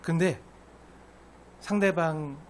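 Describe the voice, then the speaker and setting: A man's voice: on the high side, slow. A pastor preaching a sermon, emphatic and full of rhetorical questions to his congregation.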